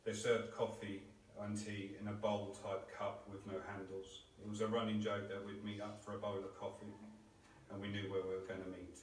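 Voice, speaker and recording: Low, even-voiced man reading a eulogy. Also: normal speed, a little hiss or hum. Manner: steady, heartfelt reading. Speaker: relative giving a eulogy. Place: crematorium chapel. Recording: roomy chapel, distant mic.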